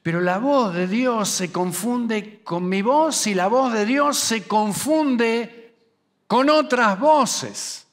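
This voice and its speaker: At a youth camp, a man with a Rioplatense Spanish accent preaches an expressive sermon. He acts out quoted voices, goes low and quiet for asides, and slows down and rises in pitch for emphasis.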